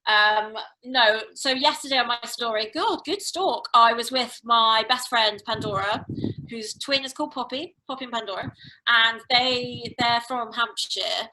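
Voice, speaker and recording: A woman's voice: a little high, measured pace, sharp tone, slight background noise, low-quality recording. A young woman guesting on a casual podcast, chatty, laughing often and swearing casually. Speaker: podcast guest, TV and radio presenter. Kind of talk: casual chat.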